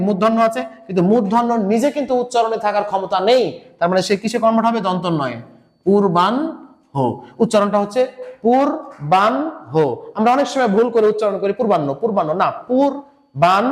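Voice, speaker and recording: High-voiced Bangladeshi Bengali teacher. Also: male voice. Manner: explains step by step, repeats words slowly for pronunciation. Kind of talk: recorded lesson for exam students.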